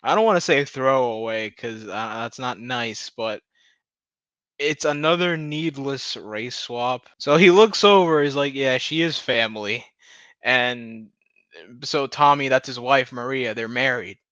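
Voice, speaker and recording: Mid-range and a bit bright, he talks at a measured pace while ranting casually through a TV episode recap as a video commentator, cursing and laughing as he mocks what he retells. Quoted dialogue gets a mocking performance, and the dry recording sounds muffled.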